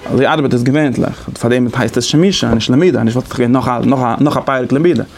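A man's voice: medium pitch, fast talker, creaky, darkish tone, slight background noise. A man giving a lecture, explaining conversationally and thinking aloud as he goes. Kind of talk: lecture on interpretation methods.

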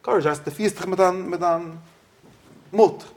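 A man with a fairly high voice leads an interactive religious study class. He keeps questioning his students and drops English phrases into his explanations. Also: normal speed. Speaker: religious teacher.

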